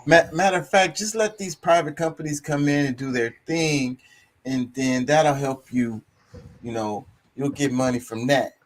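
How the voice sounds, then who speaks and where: A man's voice: medium pitch, moderate pace, a little hiss or hum. Emphatic, blunt-talking male podcast host. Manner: emphatic, swears freely, slangy. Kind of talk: casual talk.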